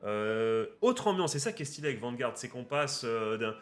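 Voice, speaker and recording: A man casually chatting to his viewers while opening trading card packs, excitable and swearing often. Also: mid-range voice, moderate pace, soft background music. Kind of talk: casual unboxing commentary. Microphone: webcam setup at a desk.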